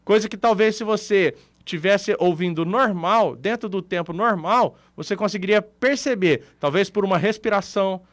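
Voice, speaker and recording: A man's voice: sits high, moderate pace, hardly any pauses, dry recording. A man with a Brazilian Portuguese accent, co-hosting a radio talk show and explaining his points with everyday examples.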